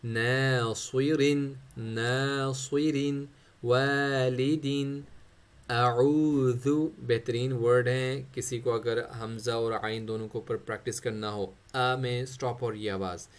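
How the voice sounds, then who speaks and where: A man teaching Quran recitation in Urdu with a Pakistani accent. He spells out letters and stretches each sample word slowly between quick explanations. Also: medium pitch, little pitch movement. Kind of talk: tajweed lesson, spelling out letters and drawn-out recitation.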